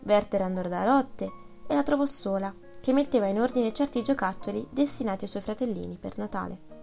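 Woman narrator, measured literary audiobook reading, mid-pitched. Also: a little mellow.

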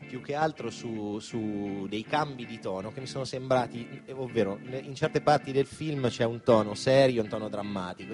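A man co-hosting a radio show, talking in a hesitant, self-deprecating way about a film. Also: medium pitch. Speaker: radio co-host. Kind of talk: casual studio discussion.

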